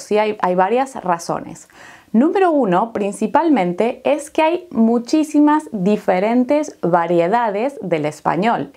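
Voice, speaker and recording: An Argentine woman teaching an online Spanish lesson, explaining clearly and deliberately and asking rhetorical questions. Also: fairly high pitch, a little mellow.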